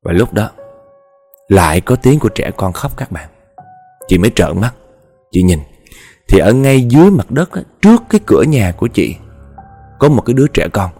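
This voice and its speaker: Husky-voiced Southern Vietnamese storyteller. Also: male voice, fairly low pitch, sing-song, moderate pace, long pauses, dark tone. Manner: chatty, addresses listeners directly. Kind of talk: horror story narration. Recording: faint background music.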